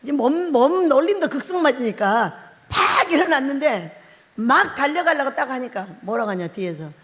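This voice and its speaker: A middle-aged woman pastor preaching a sermon, telling a personal story with lively acted-out shouts and frequent laughter. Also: sits high, normal speed. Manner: animated storytelling, acts out her own shouting and crying, laughs often. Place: church hall. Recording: long hall reverb.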